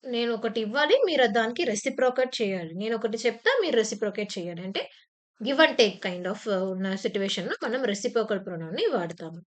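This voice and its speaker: A woman's voice: a little high, animated, fast talker. A woman teacher giving an exam-prep grammar lesson, explaining patiently with repeated examples and sometimes acting out short phrases with sudden emphasis. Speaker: English teacher. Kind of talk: exam-prep lecture in Telugu mixed with English terms. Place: online class recording.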